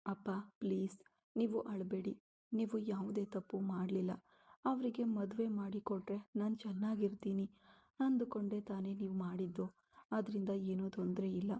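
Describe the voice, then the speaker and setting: A woman voicing a heartbroken young pregnant wife, read softly in a storybook style. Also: mid-range voice, little pitch movement, normal speed, husky. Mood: sorrowful.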